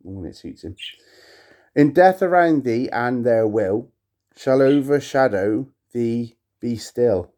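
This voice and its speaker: Here a video creator reads poetry aloud in a warm, mid-range voice with lively intonation. His verse is slow and dramatic, and his hosting chatter has a wry, playful, self-mocking edge.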